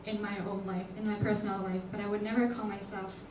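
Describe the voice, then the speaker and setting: A woman's voice: mid-range voice, flat delivery, fast, distant mic, background noise. Young woman speaking from afar in an echoey hall. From Hong Kong. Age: young adult. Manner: earnest, slightly nervous. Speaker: student organizer. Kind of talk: prepared welcome speech.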